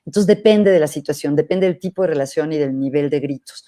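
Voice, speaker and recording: A middle-aged woman psychologist, answering questions in a thoughtful, measured way with hesitant restarts. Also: deep voice, warm tone. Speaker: psychologist guest. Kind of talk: live interview answering questions.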